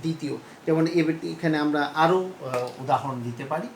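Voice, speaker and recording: A male teacher giving a pronunciation lesson, speaking slowly and repeating each word while he asks his students questions. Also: fairly high pitch. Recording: echoey room with faint background noise.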